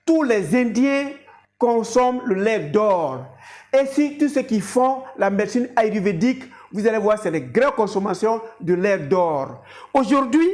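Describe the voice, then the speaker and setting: A woman's voice: a little high, darkish tone. Woman health educator, explaining step by step. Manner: didactic, addressing viewers directly. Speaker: health educator addressed as doctor. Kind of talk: explanatory health talk with demonstration.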